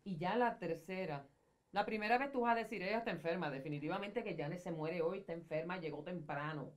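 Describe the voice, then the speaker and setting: A middle-aged woman with a fairly low voice talks earnestly on a studio talk show set. She counsels and explains at length, recorded close on a lapel mic. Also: brisk. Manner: earnest, counseling, gestures widely while explaining. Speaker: social communicator guest. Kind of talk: advice talk show conversation.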